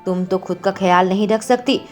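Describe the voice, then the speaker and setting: A woman's voice: mid-range voice, normal speed, darkish tone, soft background music, lightly acted. Casting note: woman reading as a furious young male boss, stern widower, harsh scolding tone, storybook narration. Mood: angry.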